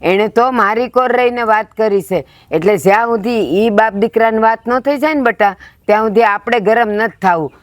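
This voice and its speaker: An actress playing an older village mother who comforts and calms her children in a village family drama. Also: a little high, normal speed, no room sound, lightly acted. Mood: soothing. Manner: soothing, pleading.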